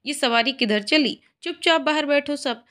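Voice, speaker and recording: A woman voicing an intense young man who speaks in forceful, emotional outbursts in a read-aloud story. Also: high-pitched, normal speed. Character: intense young man, possessive then tender.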